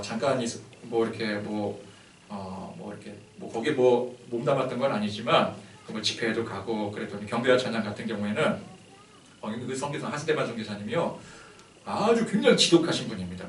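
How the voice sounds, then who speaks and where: A male pastor preaching a sermon in a conversational, animated way, full of fillers. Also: medium pitch, fairly quick, a little hiss or hum. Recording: roomy church hall, distant mic.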